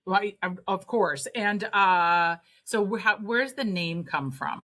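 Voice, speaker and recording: A woman's voice: medium pitch, slow pace, sharp tone. A woman hosting a podcast, reacting enthusiastically and asking her guests questions. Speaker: podcast host. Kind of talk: casual podcast chat.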